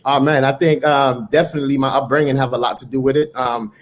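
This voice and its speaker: A man's voice: mid-range voice, steady tone, fast. A middle-aged man from Haiti, a startup founder telling his story in an earnest, motivational way as an interview guest. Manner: earnest, motivational, occasional repeated words. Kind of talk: conversational interview.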